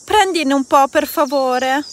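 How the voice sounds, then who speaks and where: A woman's voice: sits high, takes it slowly, voice pushed up. A woman voicing a spoiled, childish older sister in a fairy-tale story, wheedling.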